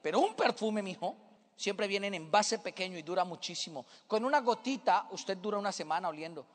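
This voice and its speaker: A man voicing a gentle, patient mother who speaks softly and coaxingly to her small son, in a hall with long reverb. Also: sits high, expressive, fairly quick, pitched below the performer's own voice.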